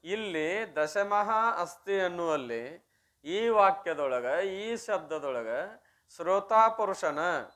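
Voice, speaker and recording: A man with a fairly high voice gives a religious discourse in a North Karnataka Kannada accent. He tells a teaching story in a homely, conversational way. He often throws questions to the listeners and then answers them himself. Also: animated, slow pace, fairly bright tone. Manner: acts out the story's dialogue. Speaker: swami giving a religious discourse.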